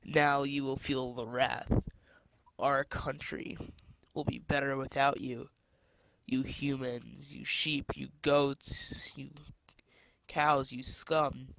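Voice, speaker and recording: A young man playing gravelly demagogue Carl. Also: mid-range voice, level tone, slow pace, fairly bright tone, no room sound. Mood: menacing. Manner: rally-speech delivery, turning to menacing. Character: power-hungry male demagogue leader, ruthless. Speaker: speechmaking leader in an animal farm allegory. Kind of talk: amateur audio drama.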